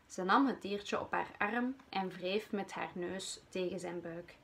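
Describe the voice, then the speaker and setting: A woman's voice: fairly low pitch, unhurried, creaky, a bit bright. A Flemish woman teacher reading a storybook aloud to children.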